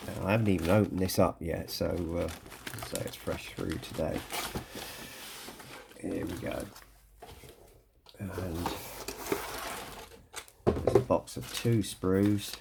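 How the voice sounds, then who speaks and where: A British man with a very low, gravelly voice talks through a hobby kit unboxing. He sounds croaky and congested from a cold. His delivery is casual and conversational, with halting phrasing. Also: fairly even intonation, heavy background noise. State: ill with a cold or hay fever, coughing. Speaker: scale model kit reviewer.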